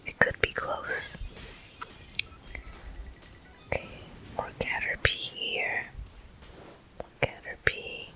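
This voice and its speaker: This low-quality recording features an ASMR gameplay host who never rises above a breathy whisper. The pace is very slow and the manner gentle and deliberate, with a crisp, very bright sound of hissing air in place of full voicing.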